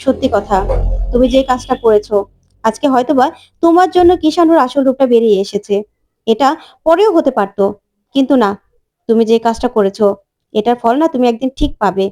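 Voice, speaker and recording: A woman's voice: on the high side, lively intonation, a little fast, pauses often, dark tone, lightly acted. Woman doing a hurt, firm young woman. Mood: reproachful. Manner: firm, reproachful.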